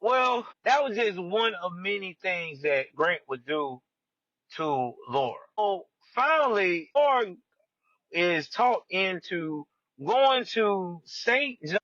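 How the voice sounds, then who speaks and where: Slangy guy telling a true crime story, high voice, kinda muffled dry audio. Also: takes it slowly, dry recording. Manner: slangy, animated, talks straight to listeners. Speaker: podcast host.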